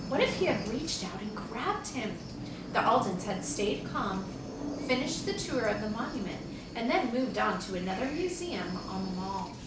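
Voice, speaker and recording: A lively second-grade teacher reads a children's chapter book aloud to her pupils in a voice on the high side. She is expressive, acting out dialogue and adding asides, while the distant mic picks up heavy echo and noticeable background noise.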